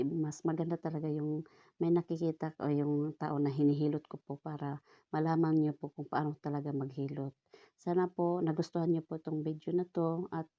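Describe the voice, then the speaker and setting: Low-voiced Filipino woman vlogger, flat and mellow. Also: lo-fi sound. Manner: polite, rambling, many fillers and restarts. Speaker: vlogger and folk massage healer. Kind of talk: casual testimonial vlog.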